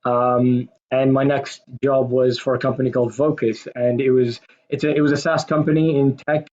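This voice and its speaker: A man's voice: medium pitch, level tone, moderate pace, darkish tone, lo-fi sound. A man in his forties from Pakistan with an American accent, giving a conversational, self-deprecating talk about his career as a guest speaker. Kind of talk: conversational presentation.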